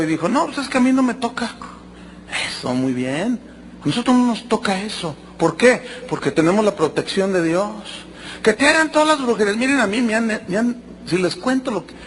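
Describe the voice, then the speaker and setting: Male preacher, high-pitched and very animated, acts out voices mid-sermon. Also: a little hiss or hum. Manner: animated, acts out quotes and jokes with the congregation.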